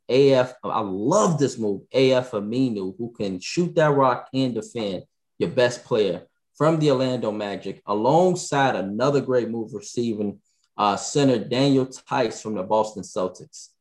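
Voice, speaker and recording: A man hosting a morning sports talk podcast in casual chat, animated and often repeating himself. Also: medium pitch. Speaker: podcast host.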